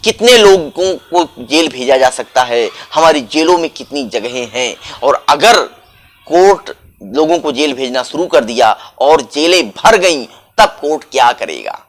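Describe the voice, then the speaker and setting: A man's voice: on the high side, expressive, measured pace. A man delivering political news commentary, asking pointed rhetorical questions and leaning hard on stressed words.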